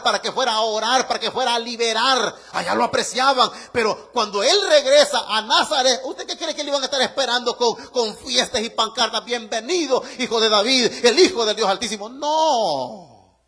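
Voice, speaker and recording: A male pastor delivers an animated sermon. His voice sits high and sounds bright and forceful. He keeps turning to the congregation with rhetorical questions.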